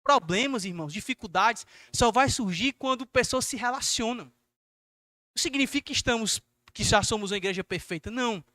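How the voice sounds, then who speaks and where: A young man preaching a youth service sermon, earnest and exhorting, acting out gentle questions to his listeners. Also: very high voice, normal speed, dry recording, clean studio sound.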